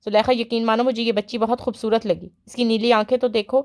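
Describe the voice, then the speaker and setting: A woman voicing a kindly middle-aged mother in an audiobook who speaks gently and lovingly. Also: a little high, level tone, natural voice. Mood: affectionate.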